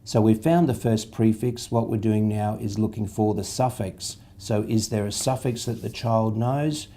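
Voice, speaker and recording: A man's voice: on the low side, fairly even intonation, moderate pace, dark tone. A man, patiently explaining a reading method step by step, spelling out letters and sounds. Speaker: literacy tutor.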